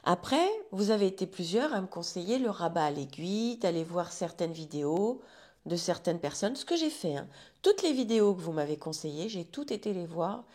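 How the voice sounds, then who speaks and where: A woman's voice: lowish voice, lively intonation, normal speed, darkish tone. A woman talking casually to her viewers about knitting, chatty and rambling, with frequent restarts. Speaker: knitting vlogger.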